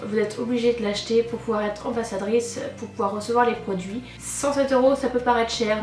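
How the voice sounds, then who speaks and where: A French beauty vlogger and cosmetics brand ambassador chats enthusiastically through an unboxing, her French accent clear. Her slightly high voice is thick with a cold and sore throat, as if her tonsils were swollen. The audio is roomy and echoey from a distant mic, with music playing.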